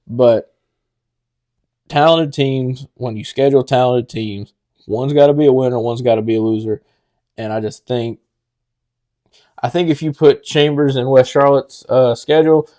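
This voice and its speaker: Opinionated man, mellow voice. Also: medium pitch, steady tone, normal speed, pauses often. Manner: opinionated, argues his case with confidence. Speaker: podcast co-host. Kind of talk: casual sports talk.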